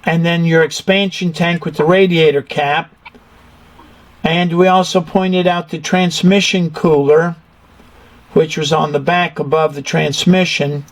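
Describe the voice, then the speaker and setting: A man's voice: a little high, fairly even intonation, measured pace, low-quality recording. A man instructs a learner hands-on, explaining machinery methodically and checking understanding with questions. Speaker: instructor giving an engine room tour.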